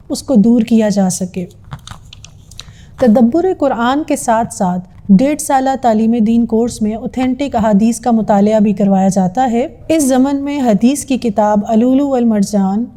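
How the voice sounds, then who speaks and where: A woman narrates from a script with a formal, earnest and measured delivery. Her voice sits a little high and sounds very bright and crisp at the top. She keeps a steady, dignified tone, like a promotional voice-over for an institute. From Pakistan. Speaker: narrator of an institute's course introduction.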